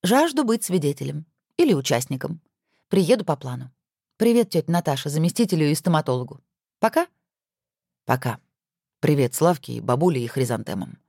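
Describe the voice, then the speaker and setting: A woman voicing a lively, witty wife who is an editor, with playful exclamations. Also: sits low, fairly quick, vocal fry, long pauses, slightly rough, dry recording, studio quality, exaggerated voice.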